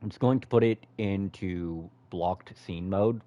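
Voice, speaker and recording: Low-voiced man commenting on gameplay. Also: slow pace, muffled recording. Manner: relaxed, explains game mechanics as he plays. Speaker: game streamer. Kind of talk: casual live gameplay commentary.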